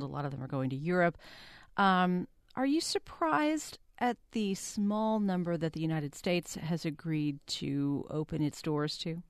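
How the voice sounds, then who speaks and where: A radio talk show host with a measured, composed delivery, introducing a guest and asking questions. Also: female voice, deep voice, no echo, clean studio sound. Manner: measured, reads promos smoothly. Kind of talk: public radio interview.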